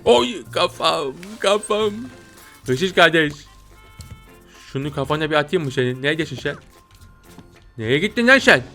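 A young man giving playful, excitable commentary while playing a video game, often jumping to high squeals. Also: fairly quick, pauses often, faint music behind. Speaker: gameplay streamer.

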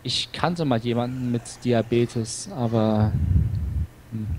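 A man's voice: mid-range voice, fairly even intonation, slow pace, a little mellow, slight background noise. A man co-hosting a casual let's-play, cracking dry jokes and thinking aloud about his game choices. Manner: dry joking, talks through game choices. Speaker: gaming co-host.

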